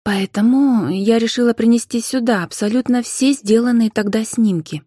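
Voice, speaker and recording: A woman voicing a frightened young woman who speaks in a hushed, trembling voice. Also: a little high, moderate pace, husky, dry recording, studio quality, voice pushed up. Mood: pleading.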